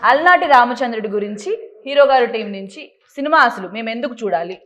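A woman's voice: on the high side, expressive, quick pace, fairly bright tone. A woman hosting a playful quiz game show, teasing and bossy, mixing English words into her talk.

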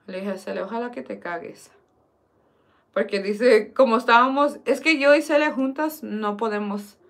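Young woman vlogger, somewhat high voice, jokey and bilingual. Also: normal speed. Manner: joking, switches between Spanish and English. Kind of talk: casual chat.

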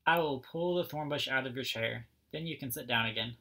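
A man voicing a kindly male policeman mouse in a children's storybook, speaking gently and with concern. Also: mid-range voice, brisk, low-quality recording.

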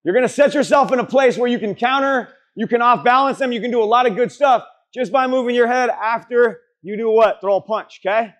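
With a very high voice, brisk and with hardly any pauses, a man instructs a boxing class in drills during a group session at the gym. He's blunt, profane and motivational, urging the trainees on and quizzing them with questions he then answers.

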